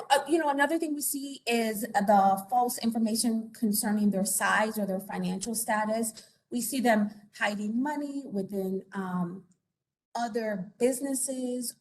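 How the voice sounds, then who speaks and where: A woman with a medium-pitched voice, recorded roughly, presents information conversationally as an investigator. She's from Puerto Rico, uses many fillers and tag questions, and speaks in a conference or meeting room.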